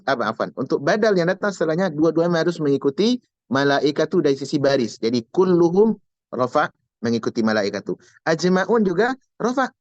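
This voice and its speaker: A man's voice: medium pitch, no echo, lo-fi sound. Patient male Arabic grammar teacher. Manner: patient, repeats words and explains step by step. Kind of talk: online grammar class.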